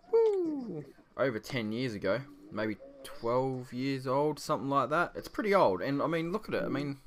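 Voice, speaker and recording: A man's voice: mid-range voice, a bit bright. A man in his twenties with an Australian accent, chatting loosely about an old game in a rambling, laid-back way, his voice echoing in a nearly empty room at home. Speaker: gaming video creator. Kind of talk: casual gameplay commentary.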